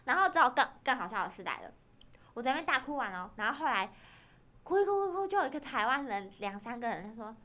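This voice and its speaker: Animated Taiwanese woman telling stories. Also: on the high side, fast. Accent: Taiwanese Mandarin. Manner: animated storyteller, acts out quoted voices, laughs and cries while telling. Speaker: podcast host. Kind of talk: casual storytelling chat.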